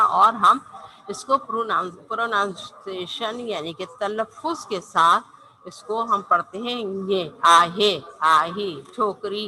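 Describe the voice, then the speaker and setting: A woman's voice: medium pitch, sharp tone, slight background noise, rough recording. A woman teacher giving an online language lesson, patiently spelling out and repeating each letter.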